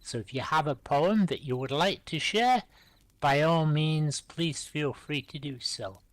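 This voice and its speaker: A middle-aged man with a fairly high voice hosts a live-streamed poetry reading, reciting his own rhyming poems and calmly inviting the next reader between them. He speaks unhurriedly, and there is no echo.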